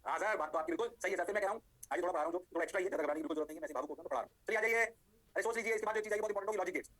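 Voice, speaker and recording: Rapid-fire male teacher lecturing. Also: high-pitched, a bit bright. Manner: keeps asking students if they understood; mixes English technical phrases into speech. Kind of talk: energetic exam-prep lecture.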